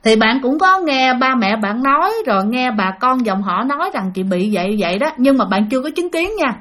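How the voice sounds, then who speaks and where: A woman narrates a ghost story, her voice pitched high. She speaks in a chatty way and turns to her listeners often. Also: sing-song, a little fast, a bit bright. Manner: chatty, addresses listeners directly.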